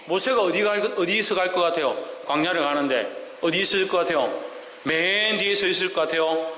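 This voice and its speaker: A man's voice: high-pitched, a little fast. Man, pastor, emphatic sermon, long church reverb, faint hiss. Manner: emphatic, rhetorical questions, swings between loud and soft. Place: church sanctuary.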